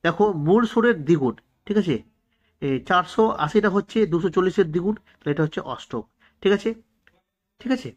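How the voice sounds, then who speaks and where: A man's voice: sits high, lively intonation, fairly quick, pauses often. A man with a Bengali accent teaching an exam-prep science lesson, repeating each key answer to drill it in. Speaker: quiz teacher.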